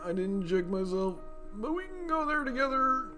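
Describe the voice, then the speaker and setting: A man voicing an older husband in a game, with a put-on gravelly old man voice that sits higher than his own. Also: big pitch swings, moderate pace, bright, forceful tone, faint music behind, exaggerated voice. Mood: recounting.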